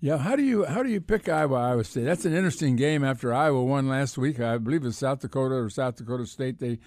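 Relaxed male sports radio analyst. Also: mid-range voice, fast, no room sound, studio quality.

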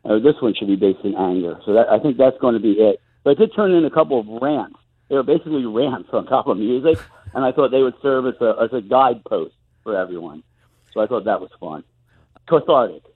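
A man's voice: mid-range voice, lively intonation, fairly quick, slightly rough. A man talking over the phone from home in a casual interview, wry and gloomy in a self-mocking way. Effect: heard over the phone. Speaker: guest musician. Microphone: phone, later on speakerphone. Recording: tinny muffled phone line.

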